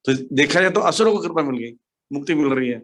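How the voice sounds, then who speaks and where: A man's voice: a little high, lively intonation, fast, a bit bright, a little hiss or hum. Man preaching with a heavy cave-like echo. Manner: explaining, checks if listeners follow. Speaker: devotional speaker. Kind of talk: scripture class, online. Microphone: speaks into a mic for an online class. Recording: echoey room sound.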